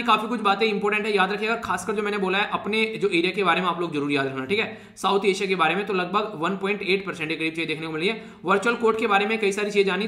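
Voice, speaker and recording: Male current affairs tutor, high fast voice, joking casual lecture style. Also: bright, forceful tone, echoey room. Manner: chatty, teasing students, laughs often. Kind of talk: casual Hindi exam-prep lecture.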